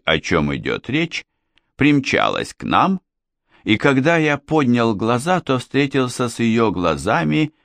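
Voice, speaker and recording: A man narrating a classic prose audiobook in a measured, expressive way. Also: medium pitch, no room sound, clean studio sound.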